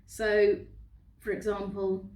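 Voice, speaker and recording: Casting: woman co-host, mid pitch, calm explainer, recorded in an echoey room. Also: takes it slowly. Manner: gentle and explanatory, often soft-spoken. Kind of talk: casual chat. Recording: roomy.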